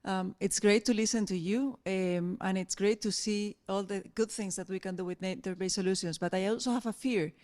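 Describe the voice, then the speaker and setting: A woman in the audience at a conference, asking a polite, measured question with a few pauses. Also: mid-range voice, fairly even intonation, darkish tone.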